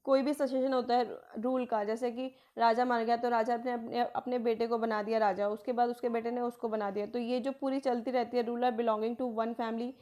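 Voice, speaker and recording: A woman with a somewhat high voice teaches exam vocabulary. She reads each English phrase out slowly and then explains it at length. She keeps asking a question and then answering it herself. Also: little pitch movement, warm tone. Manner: asks and answers her own questions, repeats key words; mixes in English phrases, slowing to read them out. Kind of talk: explanatory lesson.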